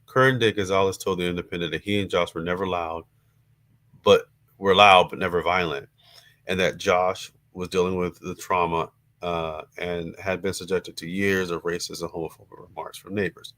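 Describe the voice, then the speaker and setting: A man hosting a livestream, reading news articles aloud in a hesitant way, with many fillers and pauses, into his computer's built-in mic. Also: low voice, steady tone, a bit bright.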